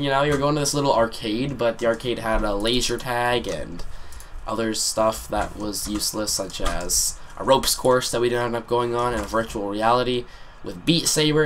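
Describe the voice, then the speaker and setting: A teenage boy telling a rambling, sarcastic storytime over his gameplay, with sudden excited yelps. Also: fairly low pitch, slight background noise. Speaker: gaming commentator. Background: keyboard clicks and typing.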